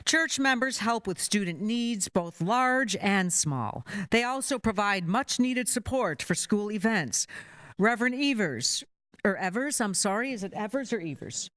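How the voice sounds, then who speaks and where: A woman's voice: medium pitch, animated, a little slow, few pauses, a bit bright, no echo. A woman on a school board reading out recognitions of community partners at a public meeting, adding brief friendly asides. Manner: reads from a script, adds brief friendly asides.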